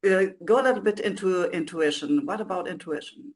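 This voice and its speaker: High-voiced man hosting a podcast. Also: brisk. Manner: casual, filler-heavy questions. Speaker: podcast host. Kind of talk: podcast interview.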